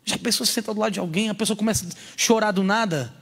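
High-voiced pastor joking through a sermon. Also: male voice, rapid-fire. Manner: animated and joking, acts out little scenes; slangy, casual street talk. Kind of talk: sermon at a youth church service.

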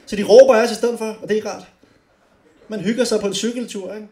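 Animated young man doing stand-up. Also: high-pitched. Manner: animated, shouts punchlines, swears. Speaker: stand-up comedian. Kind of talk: stand-up comedy. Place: comedy club stage. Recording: roomy club with faint noise.

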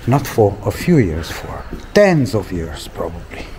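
With a dark tone and a somewhat slow delivery, a young Romanian man's low-leaning, very animated voice carries his casual outdoor travel vlog on a town street. He keeps exclaiming at the sights, uses loose fillers and speaks to his viewers as "guys."

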